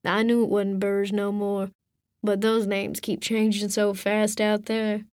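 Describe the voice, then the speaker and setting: A woman reading an audiobook, voicing a gruff, suspicious old grandfather with folksy, drawling speech. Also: medium pitch, completely flat delivery, a little slow, a little mellow, dry recording, clean studio sound, natural voice. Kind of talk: audiobook character voice.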